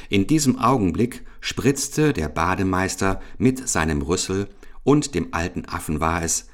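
A man narrating a humorous children's animal story in a lively, ironic, expressive reading. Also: deep voice.

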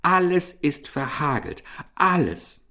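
A man's voice: medium pitch, expressive, slow pace. A man voicing a fat, stingy male hamster who grumbles, blusters and complains. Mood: grumbling. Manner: grumbling, blustering, self-pitying.

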